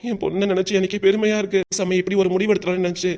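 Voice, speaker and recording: A man's voice: sits high, level tone, darkish tone. A man playing a worried, widowed older father in a cartoon, pleading with his daughter in a southern Tamil dialect. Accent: Tamil, southern Tamil Nadu dialect. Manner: pleading, emotional, fast-talking.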